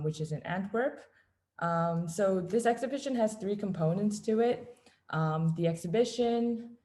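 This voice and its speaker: A woman from Canada hosting an online reading event, introducing it with many ums and pauses over a video call. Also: lowish voice, darkish tone. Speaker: event host.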